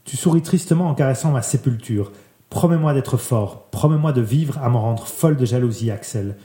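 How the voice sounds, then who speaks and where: A man reading a literary text aloud in a soft, measured way, letting his voice drop quieter at the ends of phrases. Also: medium pitch. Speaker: reader. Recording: roomy echo.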